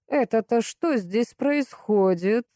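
A gruff, growling boss, blunt and domineering, as a woman narrator puts him on. The voice is mellow and dark, dry and close to the mic. Audiobook character reading. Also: a little high, animated, slow pace, no echo, pitched above the performer's own voice. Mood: furious. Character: angry blunt rich man, domineering boss.

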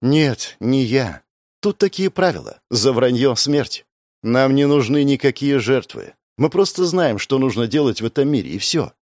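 A man's voice: medium pitch, very animated, normal speed, darkish tone, no echo, clean studio sound, voice pushed up. A man voicing a cool, ruthless woman first mate who addresses a crowd firmly. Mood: commanding.

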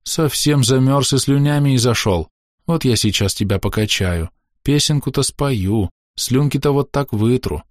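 Man putting on a soft cooing peasant mother, higher voice, lively, dry close sound. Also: unhurried, no echo, close to an everyday voice. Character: tender young peasant mother, cooing and weary.

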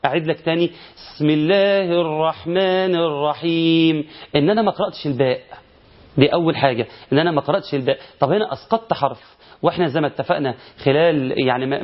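Fast-talking Egyptian man teaching recitation. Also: a little high. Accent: Egyptian Arabic. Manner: explains errors, then chants verses slowly. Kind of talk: recitation lesson. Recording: dull lo-fi recording.

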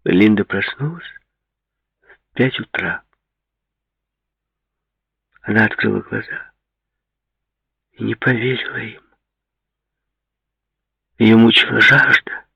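A man narrates a novel in a measured, even reading, his lowish voice gravelly and husky. The booth sounds dry, with no room echo, and the recording is a little dull and lo-fi. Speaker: audiobook narrator. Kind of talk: scripted narration.

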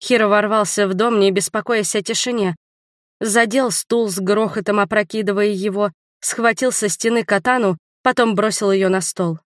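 A woman reading a novel aloud in the first person, with lively, expressive storytelling. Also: medium pitch, moderate pace, no room sound, clean studio sound. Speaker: audiobook narrator. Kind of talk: scripted first-person narration.

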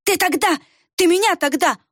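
A woman's voice: very high voice, moderate pace, no echo, clean studio sound, voice pushed up. A woman voicing a big, cowardly young village man blurting out frantic threats. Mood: panicked. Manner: frantic, desperate outbursts.

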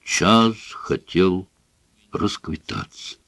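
A man voicing a calm, measured police inspector in an audiobook, speaking in a level tone. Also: sits low, creaky, no echo, exaggerated voice. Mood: grave, measured. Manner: level, even. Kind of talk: audiobook character voice.

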